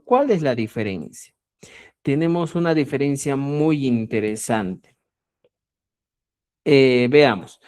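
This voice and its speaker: Slow, lively-voiced woman teaching language. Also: extremely low pitch. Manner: slow and deliberate, repeats key words and checks understanding with "¿ya?"; addresses listeners as "estimados amigos". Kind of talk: explanatory online language lesson.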